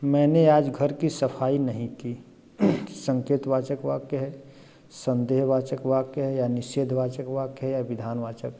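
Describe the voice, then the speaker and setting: Teaching Hindi grammar for an exam, a man explains each answer step by step, regularly asking "है ना?" along the way. He speaks a little slowly in a mellow, mid-range voice that stays fairly level, and the space sounds like a big room.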